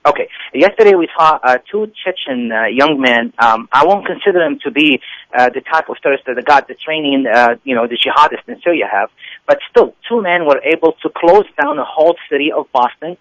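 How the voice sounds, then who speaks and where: A man's voice: a little high, expressive, a little fast, a bit bright, dry recording, muffled recording. A man speaking as an activist guest by phone, arguing his point insistently with many fillers and restarts. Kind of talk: phone interview, argumentative commentary. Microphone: phone line.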